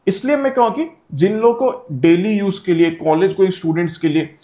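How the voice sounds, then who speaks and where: High-voiced man reviewing perfumes. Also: fairly quick, dark tone. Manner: explanatory, mixing Hindi and English. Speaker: fragrance reviewer. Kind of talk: product review talk to camera.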